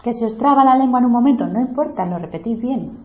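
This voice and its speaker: A woman guides a small circle of students, calm and explanatory. Her voice is mellow and dark. The recording is roomy and a little dull, with faint hiss behind. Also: fairly high pitch, quick pace. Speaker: meditation teacher. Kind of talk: teaching a small group. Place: room with people seated in a small circle.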